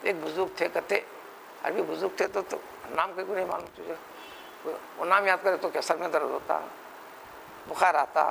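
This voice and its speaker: Man, Hyderabadi accent, religious lecture, high gravelly voice, rhetorical, faint background hiss. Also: fairly even intonation, moderate pace, pauses often, a bit bright, rough recording. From India. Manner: rhetorical, mimics others in quotes, emphatic questions. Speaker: Quran scholar.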